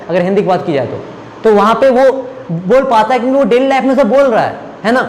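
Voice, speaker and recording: Man, high voice, Hindi native speaker, English lesson, step by step, long reverb, faint background hiss. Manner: explains step by step, checking understanding. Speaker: spoken English teacher. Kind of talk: classroom lecture.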